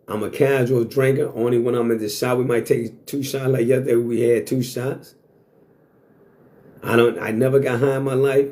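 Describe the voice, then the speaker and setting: A sixty-year-old man talks straight to the camera in a blunt, boastful way, swearing freely and circling back to the same points. His voice sits at a middle pitch for a man. It is a casual, unscripted monologue. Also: mellow. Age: 60s. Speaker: vlogger.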